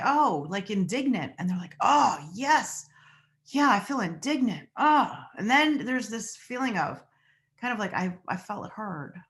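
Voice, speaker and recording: A woman teaching about naming and validating emotions in a relaxed, conversational talk, often acting out quoted lines. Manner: conversational, acts out quoted lines with rising pitch. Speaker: mental health educator. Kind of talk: informal explanatory talk.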